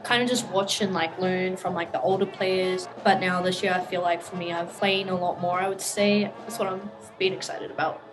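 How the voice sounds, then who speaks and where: A woman's voice: fairly low pitch, steady tone, normal speed, hardly any pauses, music in the background. A young woman who grew up between New Zealand and Australia, a college basketball player answering interview questions casually with many fillers. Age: young adult.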